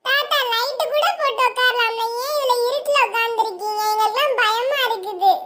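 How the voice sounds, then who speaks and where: A woman's voice: very high voice, brisk, pushed and bright. A woman voicing an anxious little girl in a cartoon, pleading and tearful. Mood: worried. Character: anxious little girl, worried about her brother.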